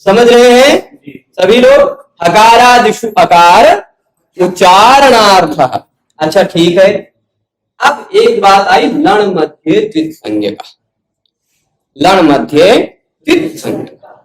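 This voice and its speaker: Guy teaching grammar, slow and patient, keeps asking if u follow, kinda echoey. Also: high voice, expressive. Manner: patient, repeats syllables slowly, asks students questions. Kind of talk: explanatory lecture.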